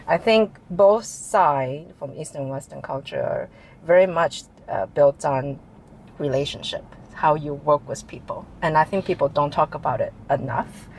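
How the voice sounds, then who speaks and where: A woman's voice: low voice, normal speed, slight background noise, low-quality recording. A woman who grew up in Taiwan, answering interview questions in a chatty way with frequent laughs and restarts. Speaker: interview guest, chief information officer.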